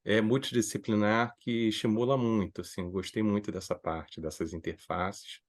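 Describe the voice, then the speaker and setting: Low-voiced Brazilian man moderating a seminar. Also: steady tone, normal speed. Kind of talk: hosting an academic Q&A.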